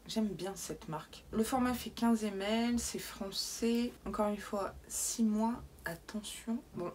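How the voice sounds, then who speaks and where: A woman's voice: on the low side, darkish tone, slight background noise. A young woman vlogger chatting wryly through a beauty box unboxing, now and then dropping into whispered asides. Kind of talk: casual unboxing commentary.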